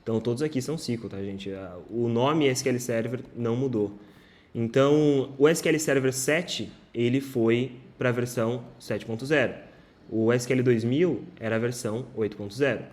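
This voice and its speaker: Man, screen-share tutorial, relaxed instructor, fillers and restarts. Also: medium pitch, moderate pace. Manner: casual, many filler "ah"s and self-corrections.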